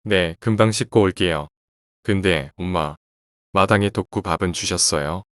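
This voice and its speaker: A man's voice: low-pitched, moderate pace, fairly bright tone, dry recording, clean studio sound. A man voicing a polite teenage boy who answers his mother while reading a horror story aloud. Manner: polite, mildly protesting.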